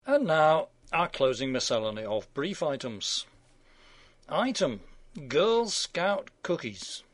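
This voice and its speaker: A man's voice: fairly high pitch, big pitch swings, slow, no room sound. Dry-witted man in his sixties. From England. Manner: dry, sardonic, wry asides. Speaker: radio commentary host. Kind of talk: scripted opinion commentary.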